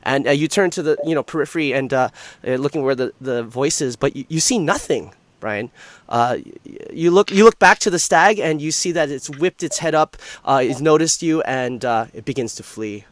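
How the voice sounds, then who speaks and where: A man acting as game master, improvising narration for a tabletop game in halting, hesitant phrases. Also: fairly high pitch, expressive, no room sound.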